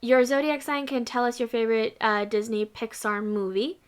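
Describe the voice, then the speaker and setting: A woman's voice: fairly high pitch, level tone, moderate pace, clean tone. A woman hosting her own channel, chatting casually and rambling through a list of her past videos with asides. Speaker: channel host.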